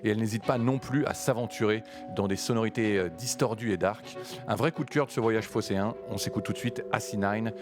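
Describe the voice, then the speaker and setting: A man's voice: fairly low pitch, fast. A man hosting a live radio session, asking guests questions and introducing music. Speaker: radio host.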